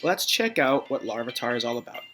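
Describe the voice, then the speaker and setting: A woman's voice: rumbling low, very animated, a little fast, a bit bright, faint music behind. A young woman hosting a let's play, chatting playfully through a video game. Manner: chatty, playful, self-mocking. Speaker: gaming channel host.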